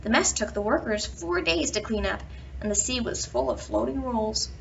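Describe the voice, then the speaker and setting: A woman reading a children's picture book aloud, with expressive emphasis and drawn-out words in a storytelling manner. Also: fairly high pitch, gravelly. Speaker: children's bedtime story reader. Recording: dull, distant home recording with background noise.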